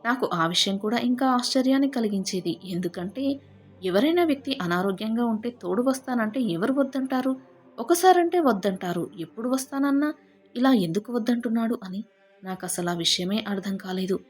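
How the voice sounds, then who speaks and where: A woman's voice: a little high, animated, moderate pace, slightly rough. Woman narrating a heartfelt family story. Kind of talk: first-person audio story narration. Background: faint background music.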